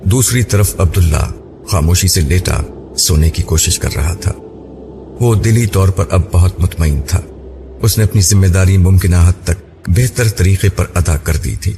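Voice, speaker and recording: Male narrator, very low voice, steady literary reading, hissy recording. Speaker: audiobook narrator. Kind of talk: scripted narration. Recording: noisy background hiss.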